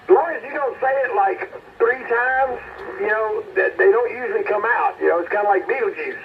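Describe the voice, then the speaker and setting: A man's voice: a little fast, a little hiss or hum. A man chatting and joking casually over the air, heard through mistuned sideband radio reception. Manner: joking, laughing, rambling. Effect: mistuned sideband radio reception, warbling pitch. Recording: muffled, dull radio reception.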